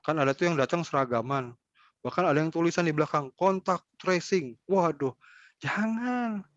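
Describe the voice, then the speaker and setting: A man giving an online lecture in a conversational way, acting out quick examples of what people might say. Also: a little high, no room sound, lo-fi sound.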